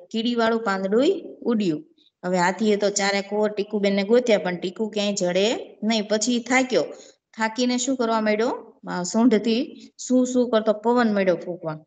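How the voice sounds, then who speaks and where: A woman's voice: fairly high pitch, a little mellow, muffled recording. A woman reading and explaining a children's story as a teacher, asking the listeners questions and then answering them herself.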